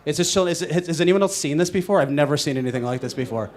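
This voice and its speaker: A man's voice: a little high, fast talker. A young man from the northwestern United States giving a casual conference talk on stage, rambling with lots of fillers and restarts. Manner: rambling, filler-heavy, self-interrupting. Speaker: conference speaker.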